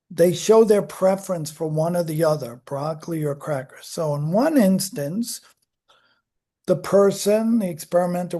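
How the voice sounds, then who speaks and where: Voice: mid-range voice, warm tone. A psychology lecturer explaining child development to a class in a conversational, self-correcting way, acting out examples. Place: lecture room.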